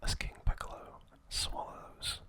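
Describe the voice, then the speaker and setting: A man reads out trivia in a breathy, gentle whisper meant for ASMR. He takes a deliberate approach, breaking his lines into brief phrases.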